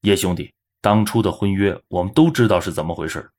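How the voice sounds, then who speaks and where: A man's voice: sits low, fairly quick, a little mellow. A man voicing a grave young elder brother and officer in a historical audio drama, speaking earnestly and firmly.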